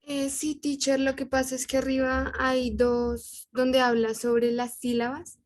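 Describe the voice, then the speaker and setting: A woman's voice: sits high, monotone, a little slow. A woman student on a video call, asking hesitant questions in class and seeking confirmation.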